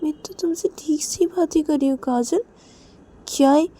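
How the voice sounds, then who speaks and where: A shy, flustered young woman, voiced by a woman reader, repeating her protests in a raised, high voice. The tone stays mellow and warm beneath the exasperation. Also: normal speed, close to an everyday voice. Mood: flustered, exasperated.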